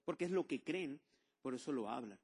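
A male pastor, preaching a sermon with lively call-and-response to the congregation. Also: medium pitch, brisk, breathy edge.

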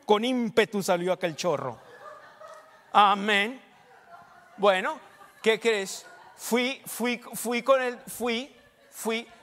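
A man preaching a sermon in a church, telling a joking personal testimony and getting loud and animated at times. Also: high voice, very slow, long pauses. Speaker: pastor. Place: church hall. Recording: long hall reverb.

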